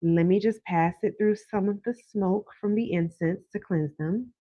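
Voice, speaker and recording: Speaking at a medium pitch and moderate pace, a woman hosts a live call-in as a psychic card reader, chatting casually and stretching out words for emphasis. Her phone is propped on a desk, and the audio sounds dry and dull.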